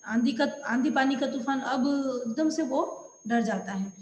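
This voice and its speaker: A woman's voice: high voice, normal speed, lightly acted. A woman teacher reading the lines of a proud, self-respecting male tree, in an aloof manner, in an echoey room.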